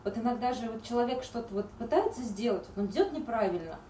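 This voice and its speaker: Woman, group member sharing; slightly high, mellow voice, rambling, searching for words. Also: lively intonation, fast. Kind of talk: sharing at a recovery group meeting. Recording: roomy, distant, faint background noise.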